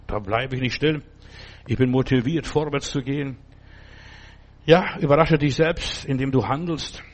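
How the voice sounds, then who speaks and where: An older man preaching a sermon, exhorting listeners and retelling stories with animated energy. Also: fairly high pitch.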